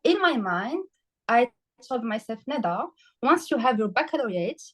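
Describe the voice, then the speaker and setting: A woman from Morocco, a health coach and podcast guest, talking through her story with many pauses, fillers and restarts, and some emotion. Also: fairly high pitch, very animated, rough recording. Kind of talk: casual interview conversation.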